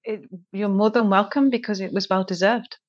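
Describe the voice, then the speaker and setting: A woman's voice: medium pitch, fairly even intonation, normal speed. Slightly dull-sounding woman chatting as guest. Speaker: podcast guest. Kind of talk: casual interview chat.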